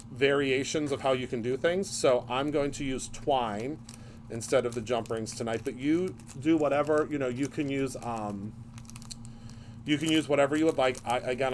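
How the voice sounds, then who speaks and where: A man's voice: medium pitch, slight background noise. A man hosting a casual live craft stream, chatty and upbeat, greeting viewers by name as he shows products.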